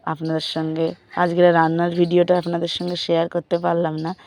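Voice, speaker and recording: A young woman vlogger with a sore throat chats casually about her day, describing her chores and what her family talked about. Her voice is fairly low and a little mellow, and she speaks a little fast in a completely flat way.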